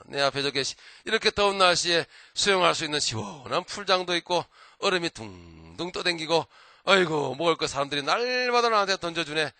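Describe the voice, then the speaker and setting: A man's voice: fairly high pitch, big pitch swings, brisk, sharp tone, no room sound, full character voice. A man doing a smug lazy zoo bear. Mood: contented. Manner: boastful, mocking drawl.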